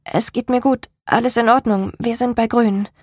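A woman's voice: fairly high pitch, fairly even intonation, moderate pace, slightly rough, no room sound, studio quality. A woman voicing an anxious, insecure young woman who stammers nervously.

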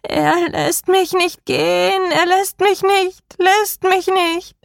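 A woman voicing a tormented cursed woman trapped in a cage of bones, begging for help in a strained, croaking voice. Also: very high voice, steady tone, slow, no room sound, clean studio sound, voice pushed up, full character voice. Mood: panicked. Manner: desperate, pleading.

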